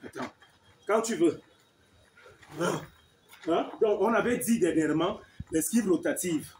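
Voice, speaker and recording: A high-voiced male martial arts teacher leads a partner through defensive drills. He counts each move aloud and keeps checking in with a quick "hein?". The sound is roomy, with a faint hiss behind it. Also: expressive. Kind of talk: combat technique demonstration. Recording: echoey room with faint noise.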